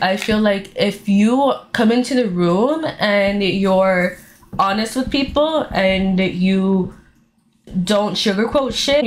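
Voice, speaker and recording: A young woman hosting a casual podcast chat, blunt and loud, swearing freely. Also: mid-range voice. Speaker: podcast host.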